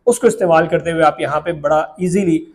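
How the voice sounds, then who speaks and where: Wearing a lapel mic in an indoor office, a young man who sells real estate walks the camera through property prices at a brisk clip. His Pakistani Urdu accent comes through in the steady, explanatory pitch.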